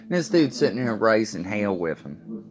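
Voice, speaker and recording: A man's voice: fairly low pitch, sing-song, moderate pace. A man in his late twenties telling a personal story in a rambling, profane, casual way, full of fillers, while sitting at home. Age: late 20s. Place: sitting at home with coffee and a cigarette.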